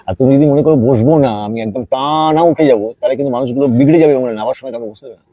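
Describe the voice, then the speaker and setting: This is a man with a dark, husky voice of middle pitch. He talks as an interview guest offering advice, patiently, circling back on words to stress them. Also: no echo. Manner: unhurried mentor-like explaining with repetition for emphasis. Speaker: jatra playwright and performer, interview guest. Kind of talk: reflective interview talk, giving advice.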